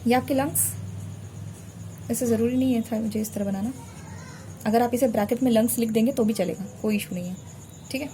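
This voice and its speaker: Warm-toned woman teaching biology. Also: a little high, brisk, long pauses, a little hiss or hum. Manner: patient, repeats terms to drill memory tricks. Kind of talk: whiteboard revision lesson. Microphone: recorded while drawing a diagram on a board.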